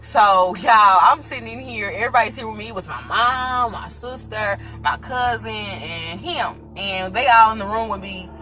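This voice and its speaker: A young woman telling a story casually to her viewers, animated and laughing, calling them y'all. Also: medium pitch, normal speed, few pauses, soft background music. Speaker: channel host telling her birth story.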